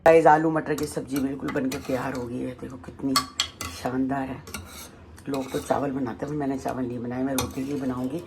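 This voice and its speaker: A woman's voice: rumbling low, level tone, a little fast, background noise. A middle-aged woman and mother chatting casually to her viewers while cooking in her home kitchen, rambling from one thing to the next. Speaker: family vlogger and mother. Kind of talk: casual cooking vlog chat.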